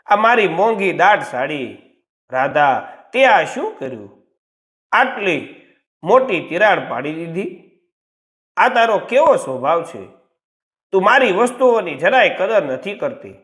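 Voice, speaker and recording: A man's voice: sits high, sing-song, measured pace, pauses often, full character voice. Sly old mother-in-law, a man doing her, scolding and sugary, voice goes way up and down, storybook telling. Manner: sugary toward her son, sharp toward the bride.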